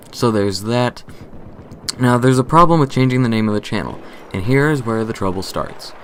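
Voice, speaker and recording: This young gaming YouTuber, his voice on the low side, delivers a casual update about his channel in a flat monotone, rambling along, correcting himself and joking. A slight background noise is present.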